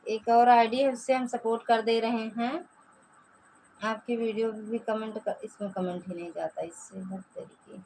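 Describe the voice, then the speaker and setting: A woman's voice: on the high side, steady tone, moderate pace, dark tone, a little hiss or hum, poor audio. A woman from Pratapgarh with an Awadhi-tinged Hindi accent, hosting a casual live stream from home and greeting viewers one by one by name. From Pratapgarh, Uttar Pradesh, India. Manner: chatty, greets viewers by name, stretches out words.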